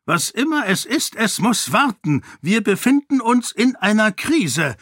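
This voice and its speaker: A man's voice: sits high, big pitch swings, unhurried, a bit bright, dry recording, studio quality, pitched above the performer's own voice, heavily acted. A man reading an audiobook, voicing an angry, scornful middle-aged king who talks in a curt, dismissive way.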